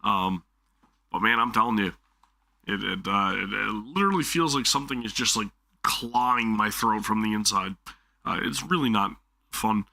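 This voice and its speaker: A man chats casually while live-streaming a game, but a sore throat keeps making him lose his voice, so he rambles, apologizes often and restarts many times. His voice is fairly low, creaky, pushed and bright, at a moderate pace.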